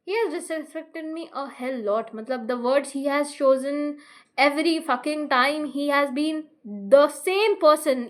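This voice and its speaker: A young Indian woman venting in casual self-talk, frustrated, swearing and mixing Hindi with English. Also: high-pitched. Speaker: vlogger.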